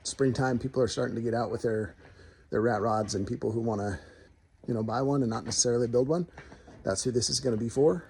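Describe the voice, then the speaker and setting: A man's voice: mid-range voice, fast talker, darkish tone, a little hiss or hum. A man in his garage, chatting casually and rambling a little as he talks straight to his viewers about his car project. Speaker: DIY car builder vlogger. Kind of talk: casual talk to camera. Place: home garage.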